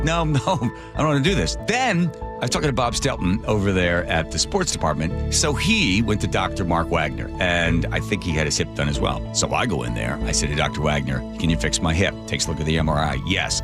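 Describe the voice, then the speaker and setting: A man in his sixties with a low voice delivers a chatty radio endorsement. He tells it like an anecdote, playing out both sides of conversations, over clear background music. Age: 60s. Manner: animated storytelling, acting out dialogue. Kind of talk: chatty personal testimonial ad.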